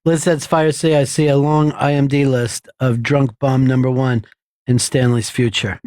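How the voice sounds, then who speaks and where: Male radio host, teasing, laughing a lot, middle-pitched, dry close mic. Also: level tone, moderate pace, darkish tone, no room sound. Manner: teasing, laughs often, reads listener comments. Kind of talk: casual studio banter.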